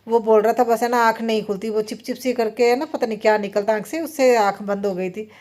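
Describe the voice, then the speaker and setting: This woman talks fairly quickly in a slightly high, slightly mellow voice with a steady tone. A mom in her thirties, she rambles through a casual vlog voice-over on her phone about her day at home, using many fillers.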